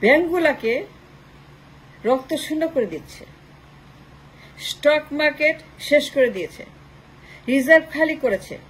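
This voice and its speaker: High-voiced woman in fiery commentary. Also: lively intonation, a little slow, long pauses, a little hiss or hum, poor audio. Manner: rhetorical, piles up long lists of short phrases; slips English phrases into her talk. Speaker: political commentator. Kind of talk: impassioned political commentary monologue.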